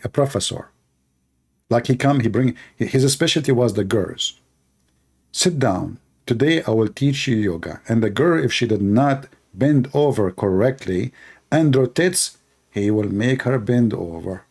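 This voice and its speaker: A man's voice: medium pitch, darkish tone, husky. Sarcastic man mocking in commentary. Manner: sarcastic, teasing, non-native grammar. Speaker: online debate commentator.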